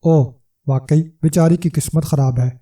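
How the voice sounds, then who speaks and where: A man's voice: on the high side, fairly even intonation, mellow, distant mic, close to an everyday voice. A man voicing a mocking, whiny young man who taunts his sister's husband, in a storybook reading. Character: mocking tearful young male brother-in-law.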